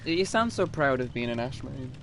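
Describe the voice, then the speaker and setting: A man's voice: medium pitch, big pitch swings, moderate pace, fairly bright tone, slight background noise. An easygoing man joins the banter over a game and explains things in plain terms. His voice is in the middle of the usual male range. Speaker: friend on stream. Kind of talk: casual gaming chat.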